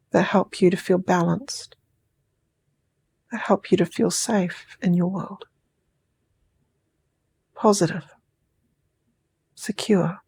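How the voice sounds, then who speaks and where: Slightly rough and dark in tone, with some vocal fry, a woman's mid-range voice carries a New Zealand accent through a sleep hypnosis session. She keeps her phrases slow, calming and extended, occasionally whispering.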